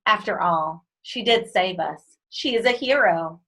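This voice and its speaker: A proud, formal gentleman from a children's storybook who speaks grandly, as a woman reads him out. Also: medium pitch, animated, a little slow, breathy edge, exaggerated voice. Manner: formal, pompous.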